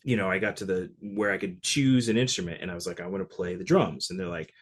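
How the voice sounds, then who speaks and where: A man from Connecticut, a session percussionist, telling stories in a relaxed interview with lots of "like" fillers. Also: low voice, fast, husky. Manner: relaxed, chatty, frequent "like" fillers. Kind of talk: casual interview storytelling.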